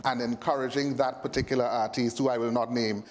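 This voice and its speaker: A man moderating a panel discussion in a polite, brisk manner. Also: mid-range voice, fairly even intonation.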